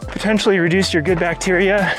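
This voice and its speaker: A man's voice: sits high, fairly even intonation, fast talker, music in the background. A man hosting a vlog, talking casually and explaining things as he goes, recorded outdoors on a trail. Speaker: vlog host.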